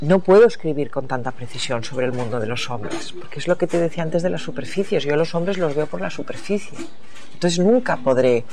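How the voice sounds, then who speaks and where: An American novelist being interviewed speaks in a low, animated, brisk voice while a crowd murmurs behind her. She is reflective and searching, often restarting her thoughts mid-sentence.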